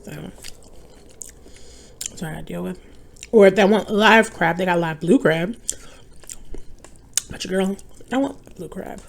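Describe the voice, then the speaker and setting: A woman's voice: lowish voice, unhurried, creaky, pauses often, slight background noise. A young woman chatting casually to her viewers while she eats, rambling from one thought to the next and calling them y'all. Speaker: mukbang vlogger. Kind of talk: casual chat while eating.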